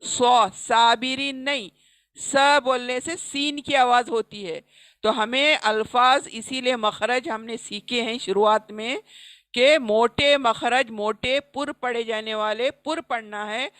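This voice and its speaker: A woman teaching recitation in an online class, explaining each rule and then reciting the example slowly. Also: a little high, steady tone, fairly bright tone, dry recording. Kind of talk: recorded online lesson.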